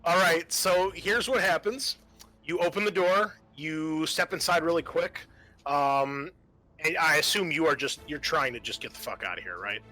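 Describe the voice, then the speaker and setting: A man acts as game master for a tabletop horror game, narrating and improvising in a halting, casual way with some swearing. His voice is a little high, pushed and bright.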